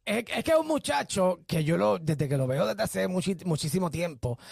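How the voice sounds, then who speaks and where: A man's voice: sits high, animated, moderate pace, vocal fry, darkish tone, husky, dry recording, studio quality. A man with a Puerto Rican accent hosting a casual entertainment news chat on radio, often addressing listeners emphatically. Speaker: radio host.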